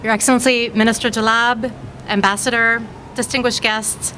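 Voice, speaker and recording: A woman's voice: fairly high pitch, flat delivery, normal speed, sharp tone. Poised woman diplomat, formal speech. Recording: background noise at a public event.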